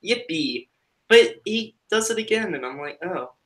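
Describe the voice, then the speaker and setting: Fairly quick and lively in intonation, this man's high voice carries a casual conversation as a live-stream guest. He tends to wander in his talk and often interrupts his own train of thought.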